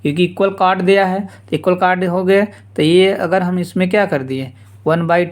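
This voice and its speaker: A man's voice: sits high, steady tone, normal speed. A man teaching a geometry proof step by step, casually repeating each step and calling the listeners "yaar". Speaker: math teacher. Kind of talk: blackboard geometry lesson.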